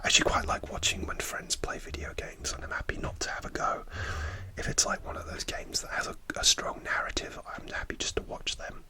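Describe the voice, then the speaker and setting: A male ASMR creator whispers right up against the microphone, telling a rambling story full of hesitation and restarts. His voice is bright and pushed, moving at a fairly quick clip.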